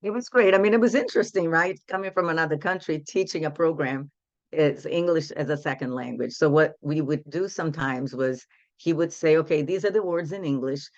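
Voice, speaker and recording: A Brazilian woman in her sixties, whose first language is Portuguese, tells stories casually as an interview guest and women's empowerment coach. Her voice is low-pitched and fairly quick, heard through dry, lo-fi call audio.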